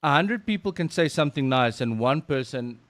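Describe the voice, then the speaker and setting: A man's voice: on the high side, expressive, a little fast, fairly bright tone. A man with a South African accent commentating casually on a live game stream in informal, slangy language. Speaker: livestream host and game commentator.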